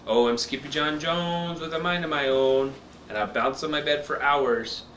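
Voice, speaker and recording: A man voicing an excitable, mock-brave little cat hero in a storybook read to a toddler. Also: fairly high pitch, moderate pace, distant mic, close to an everyday voice. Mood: playful. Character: excitable small male cat playing sword-fighting dog hero. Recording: echoey room, faint noise.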